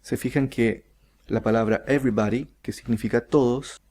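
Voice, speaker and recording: A man teaching English grammar, explaining slowly and carefully and stretching out each English example sentence. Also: mid-range voice, fairly even intonation, a little mellow. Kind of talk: recorded grammar lesson.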